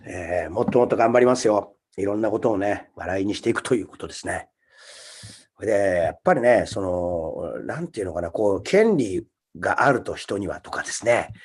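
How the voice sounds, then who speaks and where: A man hosting his own livestream alone, talking casually, ranting with rough scolding asides and reading out viewer comments. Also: on the low side. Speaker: comedian hosting a solo livestream.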